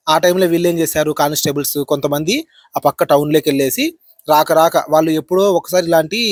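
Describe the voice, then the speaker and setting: A man's voice: a little high, no echo, studio quality. A man hosting a horror channel, telling a ghost story in a chatty spoken way, repeating phrases and tagging lines with a filler.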